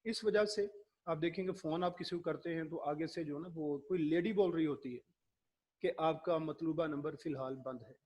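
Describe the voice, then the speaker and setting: Guy lecturing, slightly high voice, kinda husky, acts out his examples. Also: fairly even intonation, normal speed, a little mellow. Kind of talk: classroom lecture.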